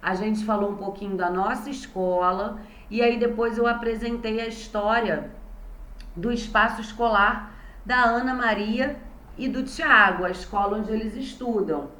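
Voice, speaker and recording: A woman's voice: a little high, unhurried, bright, forceful tone. A woman with a Brazilian Portuguese accent, a primary school teacher recapping a remote lesson for young children and patiently sounding out words syllable by syllable. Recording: roomy echo.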